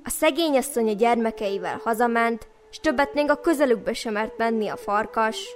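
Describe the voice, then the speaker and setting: A woman tells an old folk tale in a lilting, rhythmic way. Her voice sits fairly high, and soft music plays behind her. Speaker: storyteller.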